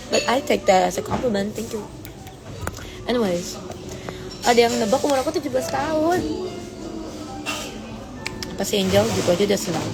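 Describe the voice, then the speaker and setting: A teen girl hosts a laid-back livestream on her phone, reading out comments and teasing her viewers in fun. When she plays at being outraged, her voice rises high.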